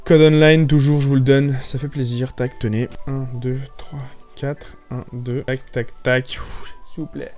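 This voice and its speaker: A young man with a French accent chatting excitedly to viewers, stumbling over his words as he opens card packs. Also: medium pitch, unhurried, few pauses, soft background music. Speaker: YouTuber opening card packs. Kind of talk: casual excited chat.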